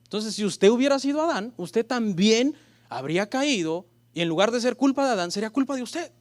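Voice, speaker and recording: A man's voice: sits high, expressive, moderate pace. A male pastor preaching a sermon. He asks the congregation rhetorical questions, calls them brothers, and briefly acts out the voices he quotes. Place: church.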